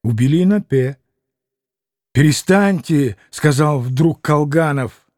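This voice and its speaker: Man, audiobook narration, unhurried, slightly high pitch, dry studio sound. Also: darkish tone, dry recording. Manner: unhurried, voices every character. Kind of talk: scripted narration, audiobook reading.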